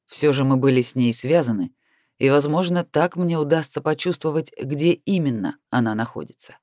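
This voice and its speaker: A man narrating an audiobook in an even, steady reading voice. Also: on the high side, moderate pace, no room sound, clean studio sound. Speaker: audiobook reader.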